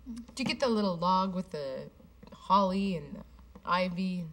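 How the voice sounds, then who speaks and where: A woman's voice: fairly low pitch, lively intonation, unhurried, fairly bright tone. An actress playing a blunt, confrontational young woman, on a studio set. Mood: prying. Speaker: actor. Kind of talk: sitcom acting.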